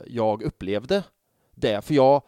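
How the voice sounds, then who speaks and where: Lively man in his thirties, dry sound. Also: medium pitch, no echo. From Sweden. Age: 30s. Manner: animated storytelling with lots of swearing and fillers. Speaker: podcast co-host. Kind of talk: casual fan podcast chat.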